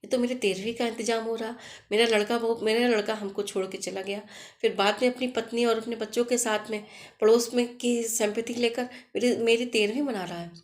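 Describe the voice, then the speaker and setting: A woman's voice: on the high side, fairly even intonation, a little fast, close to an everyday voice. A woman voicing a distraught elderly village mother who pleads tearfully for her lost son. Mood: pleading.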